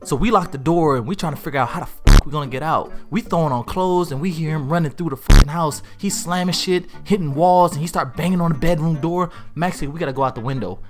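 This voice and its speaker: A man telling a funny online story aloud in a casual, animated way, getting higher and louder at the wild parts. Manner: lively, swings from low to high and loud when excited. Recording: faint music behind.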